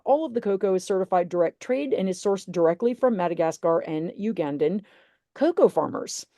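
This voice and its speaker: Warm-toned woman moderating, chatty. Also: mid-range voice, no echo, clean studio sound. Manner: chatty, self-correcting with many fillers. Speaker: panel moderator. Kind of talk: online panel introductions.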